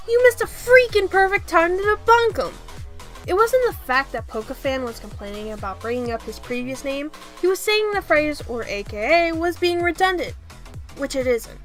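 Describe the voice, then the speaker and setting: A woman's voice: sits high, a bit bright. A woman giving a commentary rebuttal in an exasperated, sarcastic way, swearing often.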